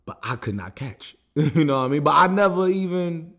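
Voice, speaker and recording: Speaking at a moderate pace with a fairly high pitch and lively, bright delivery, this young man from the United States vlogs casually about things that went wrong for him. "Like" and "you know what I mean" come up constantly as he tells his personal stories.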